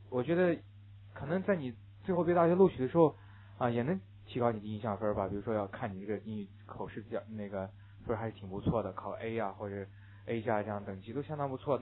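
A male English teacher giving a classroom lecture, repeating English words slowly for his students to read along. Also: medium pitch. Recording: narrow phone-like lo-fi sound.

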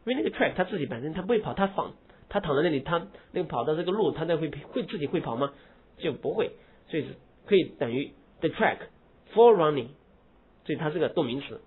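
A slightly high, husky male teacher giving a grammar lecture, his pitch swinging widely as he stresses example phrases. The sound is thin and tinny, like an old phone-line recording. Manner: explains in Mandarin, drawls English example phrases slowly with heavy stress; rhetorical questions answered himself.

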